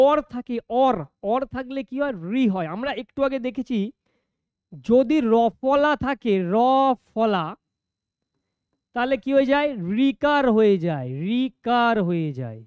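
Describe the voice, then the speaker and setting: A woman's voice: a little high, darkish tone, clear, resonant tone, dry recording. A woman teaching an exam-prep grammar lesson, who asks her own questions, answers them, and repeats each key rule several times. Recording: dull lo-fi sound.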